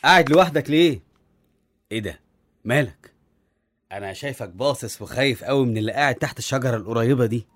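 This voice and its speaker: A man's voice: mid-range voice, quick pace, long pauses, fairly bright tone, no echo, lightly acted. An Egyptian-accented actor playing an ambitious, scheming male doctor. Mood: plotting.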